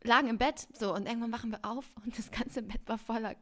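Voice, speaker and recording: A woman's voice: fairly high pitch, steady tone, fast talker. A young woman co-hosting a podcast, chatting casually and telling a rambling story with frequent giggles. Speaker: podcast co-host.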